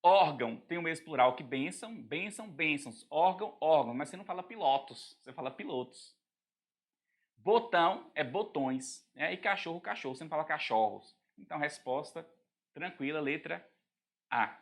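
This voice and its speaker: A man teaching a recorded grammar lesson, explaining step by step and often checking in with a quick question. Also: fairly high pitch, expressive.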